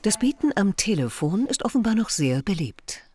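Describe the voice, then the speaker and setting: A woman's voice: medium pitch, sing-song, normal speed, noisy background. A woman reading scripted narration for a television documentary report.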